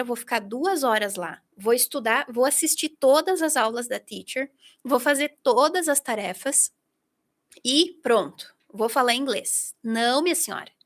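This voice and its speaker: A middle-aged woman from Brazil teaching an online English masterclass, talking straight to her listeners and acting out what her students say. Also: on the high side. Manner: lively, talks directly to the listener, acts out students' quotes.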